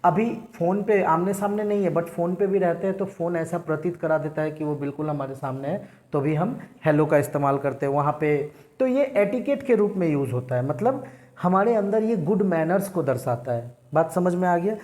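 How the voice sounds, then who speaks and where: A man's voice: fairly high pitch, moderate pace, a little mellow. Guy teacher explaining english words, keeps asking if you got it. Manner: keeps checking if students understood. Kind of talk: classroom lecture.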